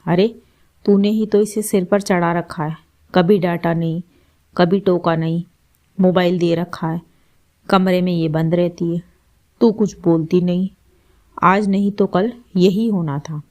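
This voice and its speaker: A woman voicing a stern, sharp-tongued older mother-in-law who taunts her daughter-in-law, in a storybook reading. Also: on the low side, steady tone, measured pace, pauses often, lightly acted. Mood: taunting.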